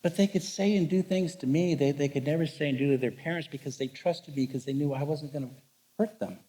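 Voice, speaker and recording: A middle-aged man, a marriage counselor, gives a live seminar talk on stage, telling stories in a joking, animated way. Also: fairly high pitch, a little fast. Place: on stage before a live audience.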